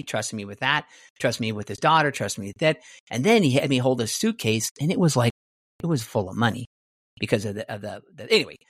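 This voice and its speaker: A man's voice: mid-range voice, fairly bright tone, no room sound, studio quality. Rambling middle-aged man telling stories. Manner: rambling, many restarts and fillers. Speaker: guest martial artist. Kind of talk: casual storytelling.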